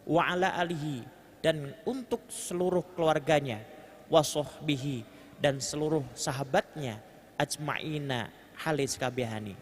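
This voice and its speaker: A man's voice: a little high, unhurried. A man with a Javanese accent giving a mosque sermon, joking with the congregation and translating Arabic phrase by phrase. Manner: jokes with the congregation, leads chanting. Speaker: preacher. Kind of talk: mosque sermon with kitab reading. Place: large mosque hall. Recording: long hall reverb, faint ambient noise.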